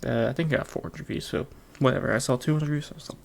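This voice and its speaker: Alone on his own podcast, a man rambles casually, filling the chat with fillers and frequent chuckles. His mid-range voice is creaky, fairly even in intonation, and he talks fast.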